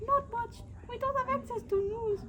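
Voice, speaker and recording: A woman's voice: extremely high pitch, normal speed, sharp tone, a little hiss or hum. A woman playing a resigned village woman. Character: weary rural villager.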